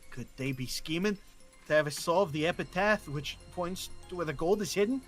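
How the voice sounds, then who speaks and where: A man's voice: on the high side, moderate pace, faint music behind, natural voice. A man voicing an earnest young man reasoning through a mystery in an amateur visual novel read.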